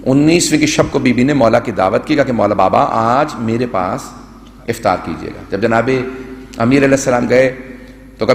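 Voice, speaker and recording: Male cleric, mournful sermon storyteller, mid-pitched, lots of hall echo. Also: slight background noise. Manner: emotive storytelling, voicing the figures in the story. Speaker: cleric reciting a majlis. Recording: echoey hall reverb.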